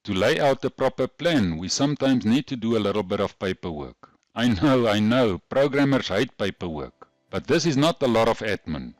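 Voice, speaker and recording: A man's voice: fairly low pitch, no echo. A man with a broad Afrikaans South African accent, narrating a scripted programming lesson in a methodical, instructional way. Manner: methodical, instructional, carefully explained. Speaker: programming tutorial host.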